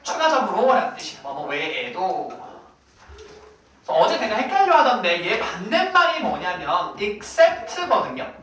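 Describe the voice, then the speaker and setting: Very animated and a little slow, this English teacher speaks in a fairly bright mid-range voice while teasing and quizzing students through a playful vocabulary lesson. Recorded far from the mic in a very echoey classroom, the audio carries a little hiss or hum.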